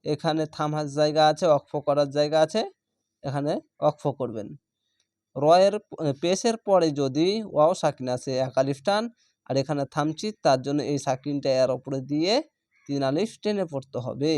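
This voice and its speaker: A man teaching Quran reading, spelling out each syllable and then stretching the whole word slowly. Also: fairly high pitch, a little mellow, dry recording, clean studio sound. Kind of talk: step-by-step spelling lesson.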